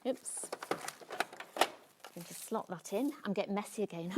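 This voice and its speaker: A woman's voice: mid-range voice, sing-song, slow, warm tone, breathy edge. A woman giving a casual live craft demonstration, talking informally through what she is doing. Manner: chatty, informal, self-narrating. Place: TV studio.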